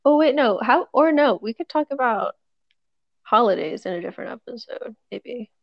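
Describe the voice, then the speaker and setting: A woman hosting a casual podcast chat, talking in a deadpan, sarcastic way. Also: a little high, normal speed, vocal fry, dry recording, highs cut off. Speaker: podcast host.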